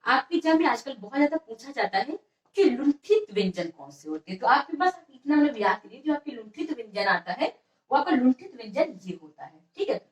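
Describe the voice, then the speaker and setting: A woman's voice: high-pitched, darkish tone, reverberant, far from the mic, muffled recording. A woman teaching an exam-prep grammar lesson, repeating each question and answering it herself.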